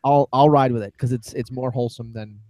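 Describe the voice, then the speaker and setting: A man's voice: medium pitch, steady tone, brisk, dark tone, no room sound. A man co-hosting a casual sports podcast, rambling through stories and laughing at his own jokes. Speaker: podcast co-host.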